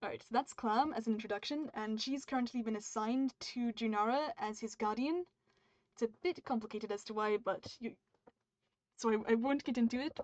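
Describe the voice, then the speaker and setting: A UK woman streams her writing session, reading her draft aloud and breaking off mid-sentence to edit and chat, upbeat and friendly with viewers. Her voice is fairly high, a little fast and darkish. The dry recording comes through a dull, muffled stream mic.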